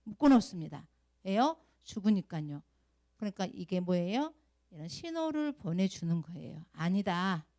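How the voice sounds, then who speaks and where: Brief: middle-aged woman, Sunday school preacher, lively, questions the children constantly, acts out crying. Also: lowish voice, moderate pace. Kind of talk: children's sermon.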